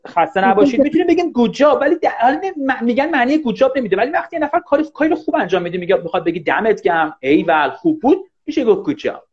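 Fast-talking male teacher on a dull livestream. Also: extremely high pitch. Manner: fast, animated, thanks commenters often. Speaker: English teacher. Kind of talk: live online class, casual teaching chat.

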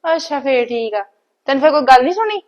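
A woman's voice: sits high, animated, fast, a little mellow, highs cut off. A woman playing an anxious, emotional mother who scolds and worries in a family drama. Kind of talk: scripted family drama acting.

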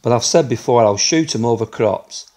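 A middle-aged man with a darkish tone talks at normal speed, casually telling the camera about airgun pest control from inside a farm building loft. He's chatty and understated, using fillers like "you know," with noisy farm ambience from outside.

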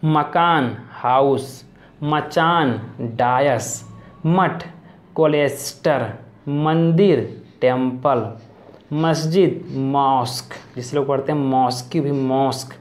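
A man teaching English vocabulary, slowly reading each word and then its English equivalent, often repeating it. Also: mid-range voice.

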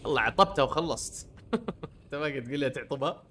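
A young man giving let's play commentary, pleading, cursing and reacting loudly to the game. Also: mid-range voice, fast, slight background noise. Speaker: gamer.

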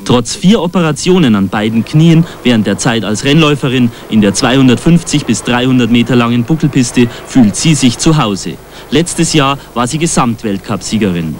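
A man reading the scripted voice-over of a TV sports report in a measured, informative way. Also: mid-range voice, animated, slight background noise. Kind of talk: scripted narration. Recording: voice-over with music bed.

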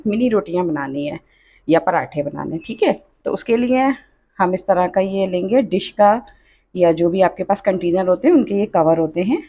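Here a cooking channel host with a dark-toned, mid-range voice gives a step-by-step voice-over for a recipe made in her home kitchen. Her manner is friendly and instructive, and "achha" and "dekhiye" come up often.

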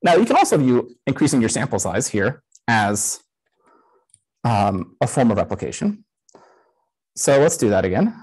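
Speaker, man in his 30s, husky voice that moves around a lot in pitch; relaxed live-coded talk through a headset. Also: normal speed, long pauses, poor audio. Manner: casual, many "um" fillers. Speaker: conference speaker.

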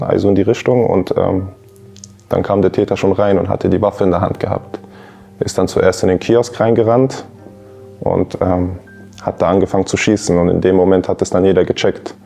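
A man in his twenties, an interview guest, giving a calm, measured personal account with frequent filler sounds, seated in a youth centre lounge. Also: low-pitched, vocal fry, breathy edge, faint music behind. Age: 20s.

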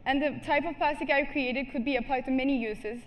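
A woman's voice: sits high, steady tone, brisk. A teenage girl from Turkey giving a prepared talk on a large stage, earnest, with small restarts and apologies. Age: teens. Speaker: student speaker. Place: large stage before a seated audience. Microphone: headset mic.

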